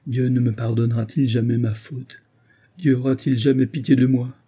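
A man's voice: mid-range voice, normal speed, dark tone, husky, lightly acted. A man reading an audiobook and voicing a desperate, remorseful woman who pleads and wails. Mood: anguished. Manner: wailing, pleading outbursts.

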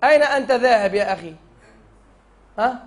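High-voiced Tunisian teacher drilling students. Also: male voice, expressive, a little fast. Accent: Tunisian Arabic. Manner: drills students, repeats lines, chants rules. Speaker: Quran recitation teacher. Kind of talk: classroom lesson with chanted verses.

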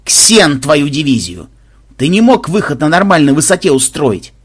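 Grumpy, loud male dwarf in an audiobook, read by a man; husky, raised, irritable. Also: fairly high pitch, very animated, normal speed. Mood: irritated. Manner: irritated, shouting.

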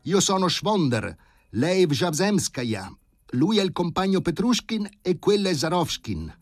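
A man's voice: sits high, big pitch swings, measured pace, no echo, voice pushed up, full character voice. A man doing a bristling, indignant young committeeman. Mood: indignant, hostile. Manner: tight, bristling, barely held fury. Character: indignant young male committee leader, hostile zealot.

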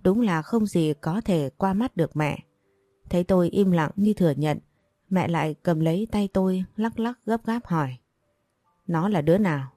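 A woman narrates a first-person romance novel in a steady, reflective way. Her voice sits fairly low and sounds mellow and warm. The recording is close and dry, with no room sound. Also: normal speed, dry recording. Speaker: audiobook narrator.

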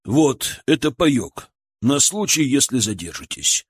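A man voicing a calm, secretive male boss in an audiobook, with a lowered, measured, husky voice. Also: no room sound, studio quality, heavily acted. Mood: businesslike.

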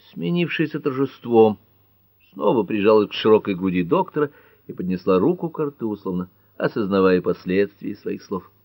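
A man narrating a detective audiobook in an even, measured way. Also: fairly low pitch, no room sound. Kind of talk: scripted narration.

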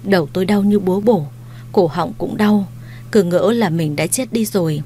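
A woman's voice: fairly low pitch, normal speed, warm tone, slight background noise. Woman narrating a dramatic story. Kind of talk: first-person scripted story narration.

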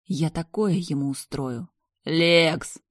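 A woman's voice: low-pitched, normal speed, mellow, no room sound, studio quality. A woman reading a first-person story aloud, her narration tense and intense. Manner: tense, intense, rising into anger. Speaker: audiobook reader.

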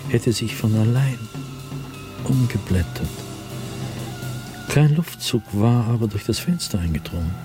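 A male actor with a medium-pitched voice performs an intense radio drama monologue as a haunted, fearful diarist slipping into madness. At times he turns breathy and whispers, and the mood is tense and suspenseful.

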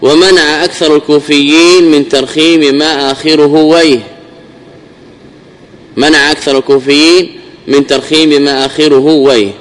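A sheikh giving a classical Arabic grammar lesson, repeating phrases and examples, asking and answering his own questions, his voice dropping low at the ends of phrases. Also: little pitch movement, moderate pace, fairly bright tone, rough recording.

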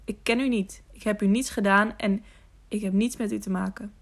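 A proud young squire stands his ground with short, earnest replies, as a woman reads him in a storybook. The voice sits at an ordinary middle pitch and stays plain and even. It is spoken as part of a calm audiobook reading. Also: moderate pace, natural voice. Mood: defiant.

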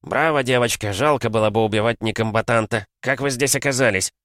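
A man reading an audiobook voices a mocking, unhinged male colonel who taunts loudly. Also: mid-range voice, a little fast, no room sound, clean studio sound, lightly acted. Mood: taunting. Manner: taunting, cackling, loud.

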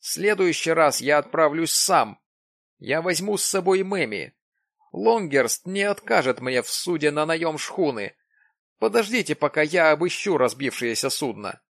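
A man voicing an excitable, insistent businessman in an audiobook, talking emphatically with raised pitch. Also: a little slow, creaky, no echo, clean studio sound, heavily acted. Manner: emphatic, exclaiming. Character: excitable middle-aged businessman, pushy and insistent.

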